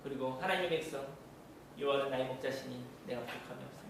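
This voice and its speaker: A man's voice: medium pitch, rapid-fire, creaky. A male pastor preaching earnestly, asking rhetorical questions and acting out short quotes. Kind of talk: sermon. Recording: echoey room, voice from a distance, faint hiss.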